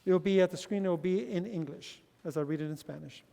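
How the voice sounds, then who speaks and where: A male pastor with a high-sitting, warm voice and some vocal fry speaks a little fast in a bilingual sermon. He gives each point in Spanish, then English, addressing the congregation as brothers, under long hall reverb.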